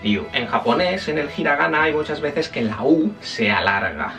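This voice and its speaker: A man's voice: a little high, animated, normal speed, fairly bright tone, recorded from a distance, soft background music. A man teaching a casual spoken language lesson, chatty and self-correcting, often checking in with his listeners.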